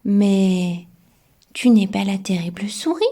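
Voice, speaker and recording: A woman's voice: medium pitch, slow pace, mellow. A woman voicing a curious, plucky young monster boy in a childlike voice, reading a storybook to a toddler. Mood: puzzled.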